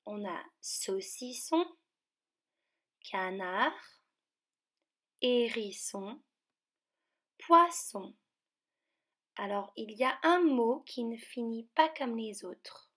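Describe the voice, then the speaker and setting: A woman teacher from France leads a remote lesson for young children. She speaks slowly and carefully, drawing out each word, and her voice sits a little high. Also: expressive. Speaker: primary school teacher.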